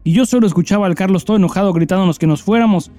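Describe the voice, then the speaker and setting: Racing along in a high, mellow voice, the Mexican-accented co-host swears and uses slang while soft music plays behind him. The clip mixes casual podcast talk with a dramatized reading of a listener's email over the music.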